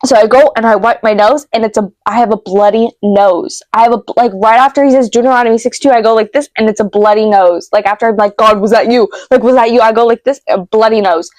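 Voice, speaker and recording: A woman vlogger retelling a vivid dream to camera, emotional and halting, with many fillers and restarts. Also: fairly high pitch, fairly even intonation, darkish tone, no room sound. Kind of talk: casual storytelling to camera.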